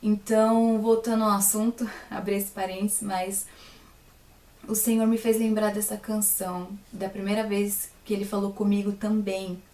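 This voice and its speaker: A woman's voice: mid-range voice, flat delivery, normal speed, warm tone. A young woman with a Brazilian accent giving a personal faith testimony, chatting to her listeners with frequent little asides. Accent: Brazilian Portuguese. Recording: roomy sound, voice from a distance.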